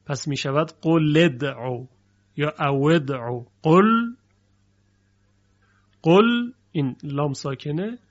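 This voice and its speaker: A man gives a recitation lesson in a fairly high voice, breaking each rule into small steps and drawing out the example words. The recording is dull and lo-fi. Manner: explains step by step, recites example phrases slowly. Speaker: Quran recitation teacher. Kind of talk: lecture on recitation variants.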